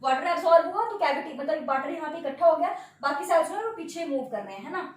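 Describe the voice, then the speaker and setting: बहुत ऊँची आवाज़ में पढ़ाती शिक्षिका, गूँजता कमरा. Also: female voice, high-pitched, animated, fast, recorded from a distance, slight background noise. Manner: repeats key terms as questions and answers them; checks in often with tag words. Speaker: biology teacher. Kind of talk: classroom lecture at a board. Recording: very echoey room, voice off-mic.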